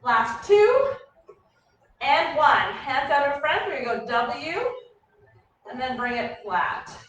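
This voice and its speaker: High-voiced woman fitness coach in an echoey room. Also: unhurried. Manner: encouraging, energetic, directive. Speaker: fitness coach leading a warm-up. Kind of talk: group workout instruction, clipped cues and countdowns. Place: echoey indoor room, heard from a distance. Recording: very echoey room, distant mic, faint noise.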